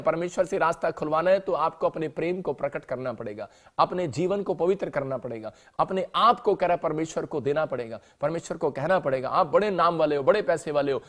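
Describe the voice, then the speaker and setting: A man preaching a sermon in a church, telling a story and acting out the quotes, moving between loud outbursts and soft lines. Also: a little high.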